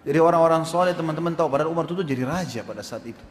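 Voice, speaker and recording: A man's voice: a little high, rapid-fire, slight background noise. Man preaching in a reverberant hall. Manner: lively storytelling with rhetorical questions to the audience. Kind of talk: sermon.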